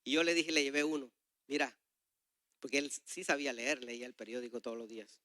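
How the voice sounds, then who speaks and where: A middle-aged man preaching a sermon, telling a personal story with passion, swinging between loud and soft. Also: mid-range voice, steady tone, a little fast, no room sound, studio quality.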